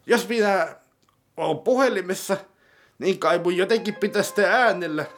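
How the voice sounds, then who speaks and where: A man's voice: high-pitched, soft background music, voice pushed up, lightly acted. A man voicing a fretful, easily worried character in a comedy sketch, complaining and asking anxious questions. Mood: whiny. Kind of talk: comedy sketch role-play.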